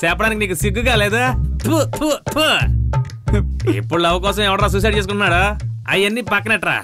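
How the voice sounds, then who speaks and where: An actor playing a loud, brash friend who mocks and jokes and wants to drink. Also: male voice, high-pitched, fairly even intonation, rapid-fire, close to an everyday voice. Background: film score music.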